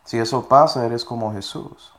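A man delivers a sermon to a congregation at an ordinary middle pitch. He reads scripture verses aloud, then explains them. He keeps pausing to check that his listeners are following along. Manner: checks in with listeners with frequent tag questions. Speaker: preacher.

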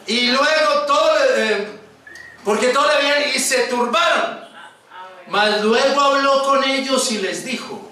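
High-voiced preacher in an echoing room. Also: male voice, unhurried. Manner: lively storytelling with acted quotes. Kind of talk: sermon, Bible passage retold. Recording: echoey room, mic far off.

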